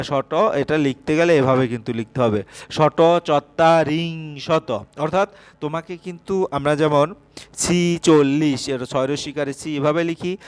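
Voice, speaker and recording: A man's voice: a little high, smooth, no room sound. A male teacher with a West Bengal Bengali accent giving a step-by-step video lesson to school pupils, with frequent filler sounds and check-ins.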